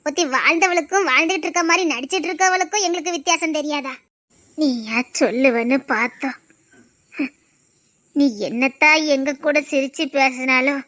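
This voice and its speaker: A woman's voice: high voice, sharp tone, dry recording, studio quality. A woman acting in a family drama, speaking in an emotional, comforting way. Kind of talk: Tamil serial drama acting.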